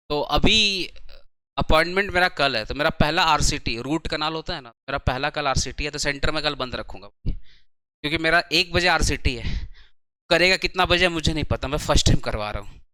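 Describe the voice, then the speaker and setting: A man teaching a commerce tax class at a coaching centre, chatty and speaking slowly, often repeating his questions to the students. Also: on the high side, sharp tone, smooth, dry recording. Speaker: commerce tutor. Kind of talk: classroom lecture.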